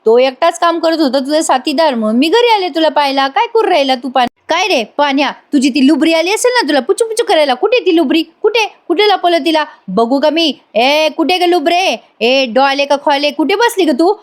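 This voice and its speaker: A woman voicing a brash, jealous young woman who scolds loudly in a high voice. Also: expressive, quick pace, few pauses. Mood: accusing. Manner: shrill, scolding, shouting around.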